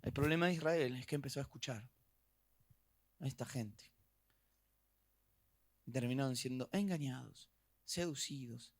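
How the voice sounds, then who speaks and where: Animated Argentine pastor preaching. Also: male voice, medium pitch. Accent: Argentine Spanish. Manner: animated preaching, acting out little dialogues, swinging from soft to loud. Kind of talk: sermon.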